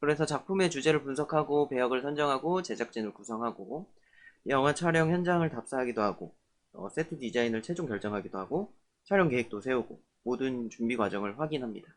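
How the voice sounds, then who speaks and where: A man's voice: medium pitch, animated, fast talker. Chatty man teaching a film class. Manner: friendly, chatty, with fillers and warm asides. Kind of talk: online film class lecture.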